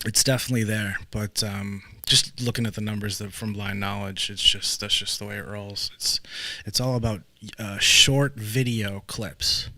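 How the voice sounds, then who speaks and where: A man's voice: fairly low pitch, steady tone, moderate pace, sharp tone, no echo. A man hosting a podcast interview, chatting loosely with lots of fillers and restarts. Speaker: podcast host.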